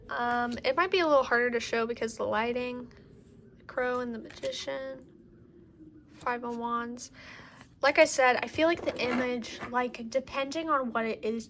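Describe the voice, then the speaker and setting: Her voice sits on the high side and sounds a bit bright as she, a tarot deck collector, casually shows cards to the camera. She gushes and rambles with many "like" asides, all over the noise of a strong wind.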